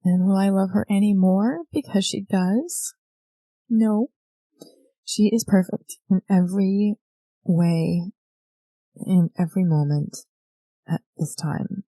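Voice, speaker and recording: A woman's voice: medium pitch, slow, long pauses, dark tone, no room sound. A woman hosting a podcast, giving an earnest, reflective personal monologue. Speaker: podcast host.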